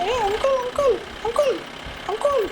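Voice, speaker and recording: A woman voicing an excitable young squirrel who keeps calling out and begging for help in a cartoon. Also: very high voice, moderate pace, heavy background noise. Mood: alarmed. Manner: urgent, repeatedly calling out and begging. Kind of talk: cartoon voice acting.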